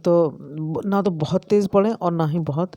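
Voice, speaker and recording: Mellow-voiced Indian woman lecturing. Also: fairly low pitch, no echo. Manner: explanatory, many pauses and fillers. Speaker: education lecturer. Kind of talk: recorded lecture.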